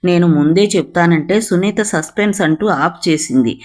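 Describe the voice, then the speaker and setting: A woman reading a novel aloud, voicing an earnest young man who pleads calmly and tenderly in a low, steady tone. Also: normal speed, close to an everyday voice. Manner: calm, low-voiced pleading.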